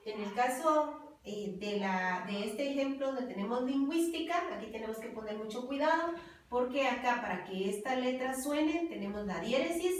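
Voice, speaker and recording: Woman teacher, slightly high voice, patient and deliberate; recorded from a distance in a very echoey room. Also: a little hiss or hum. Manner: slow, patient, stressing key words. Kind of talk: classroom lesson explaining grammar rules. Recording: very echoey room, voice far from the mic.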